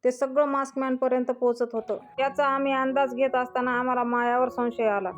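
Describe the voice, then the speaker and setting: A woman's voice: sits high, little pitch movement, fairly quick, dull audio, faint music behind, close to an everyday voice. A woman voicing a young woman accused of an attack, insistently pleading her innocence, in a plain reading voice.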